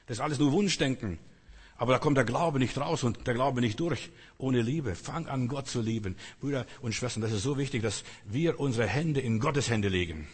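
Husky-voiced man preaching in a hall. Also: medium pitch. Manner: earnest, coaxing, addresses listener directly. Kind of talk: sermon. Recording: long hall reverb.

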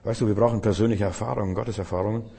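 Guy preaching, low husky voice, long echoey hall reverb, keeps saying du to you. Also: fairly even intonation, racing, mellow. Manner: addresses the listener directly as "du", repetitive, emphatic. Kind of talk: sermon.

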